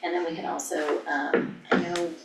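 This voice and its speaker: An American woman, a staff official, giving informal updates at a public meeting with hesitant, halting phrasing. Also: low voice, level tone, creaky, over loud music. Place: indoor public meeting room. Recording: echoey room, distant mic, faint noise.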